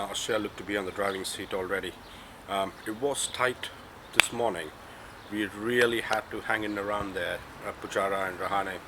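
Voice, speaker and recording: A man in his twenties with a cold and flu, chatting through a casual cricket match review, full of fillers and rising to excited emphasis. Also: on the low side, background noise. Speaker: cricket vlogger.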